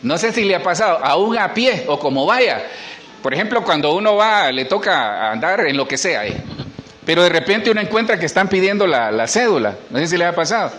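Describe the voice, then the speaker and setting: A man's voice: high-pitched, sing-song, fairly quick, a bit bright, a little hiss or hum. A middle-aged man, a pastor preaching a sermon in church and asking the congregation questions. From Honduras.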